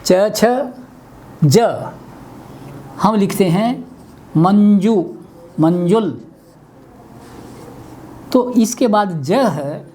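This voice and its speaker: A man giving a webinar lesson on pronunciation, spelling out letters one by one as he writes them and explaining each step deliberately. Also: high voice, animated, darkish tone, slight background noise. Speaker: Hindi language teacher.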